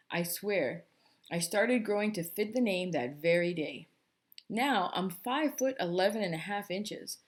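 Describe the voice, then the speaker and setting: A woman reading a novel aloud for a book club, in steady first-person storybook narration. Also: on the low side.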